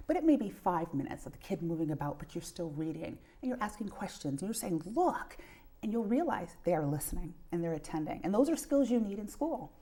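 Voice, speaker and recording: A woman's voice: on the low side, dark tone. A middle-aged woman, a pediatrician giving earnest explanations with examples as an interview guest. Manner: earnest, illustrates points with examples.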